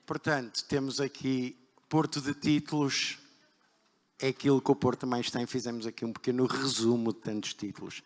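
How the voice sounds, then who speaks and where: A man with a European Portuguese accent presenting live on stage as a panel host. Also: mid-range voice. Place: large hall stage before an audience. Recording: echoey hall PA, faint audience.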